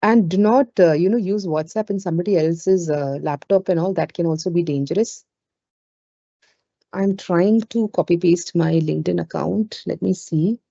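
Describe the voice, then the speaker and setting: Mellow low-voiced Indian-accented woman. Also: normal speed, gravelly. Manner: conversational, with frequent "you know" asides. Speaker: webinar trainer. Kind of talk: informal live webinar talk with audience questions. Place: indoors on an online webinar call. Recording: roomy, dull lo-fi webinar audio.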